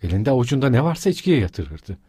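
A man's voice: medium pitch, sing-song, quick pace, mellow, slightly rough, no room sound, studio quality, voice pushed up. Man reading as an embittered consumptive mother. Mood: bitter, furious. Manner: angry, accusing outbursts. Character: desperate consumptive poor mother, bitter and shrill.

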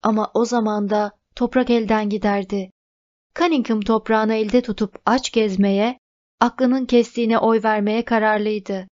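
A woman reading a novel aloud as audiobook narrator, in an even, measured way. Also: fairly high pitch. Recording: dull lo-fi recording.

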